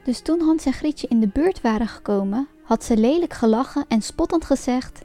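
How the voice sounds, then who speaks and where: A woman reading a fairy tale aloud as a storyteller, in a lively and expressive storybook manner. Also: high voice, moderate pace. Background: faint music.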